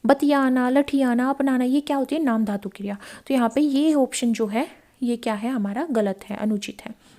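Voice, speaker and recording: A woman's voice: high-pitched, normal speed, warm tone. A woman teacher going through past exam questions, asking and answering her own questions and repeating key words. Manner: explanatory, asks questions then answers them; repeats key words, mixes in English phrases. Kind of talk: exam-prep lesson explaining past paper questions.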